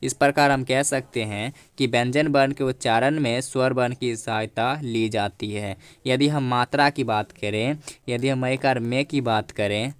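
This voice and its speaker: A man's voice: medium pitch, fairly even intonation, normal speed, hardly any pauses, clean tone, no echo. A man teaching a grammar lesson, explaining each point patiently and repeating it, speaking to viewers as friends.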